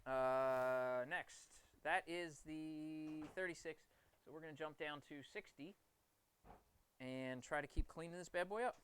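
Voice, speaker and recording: A man's voice: on the high side, unhurried, smooth. A man livestreaming from his basement forge, explaining knife grinding in an enthusiastic, rambling way. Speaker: streamer and knifemaker. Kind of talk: casual livestream talk while working.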